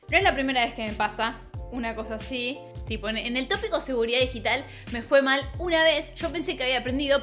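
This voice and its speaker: A woman's voice: high-pitched, a bit bright. A young woman with a Rioplatense Argentine accent, telling a self-mocking story in a casual vlog, full of slang and asides. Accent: Rioplatense Spanish. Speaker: vlogger.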